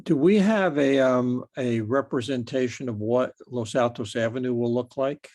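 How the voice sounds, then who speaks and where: A man's voice: medium pitch, moderate pace, darkish tone, dry recording. A man commissioner asking brief, plain questions at a public meeting.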